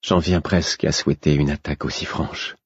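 Reine résolue et amère, lue par un homme, voix grave et sèche, ton mesuré. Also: male voice, very deep voice, fairly even intonation, husky, dry recording, highs cut off, heavily acted. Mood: bitter. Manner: measured, quietly fierce. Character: young queen, grave, bitter and resolute.

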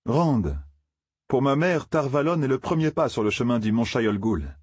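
A man's voice: medium pitch, animated, moderate pace, slightly rough, no echo, studio quality, voice pushed up. A man playing a blunt bitter young villager.

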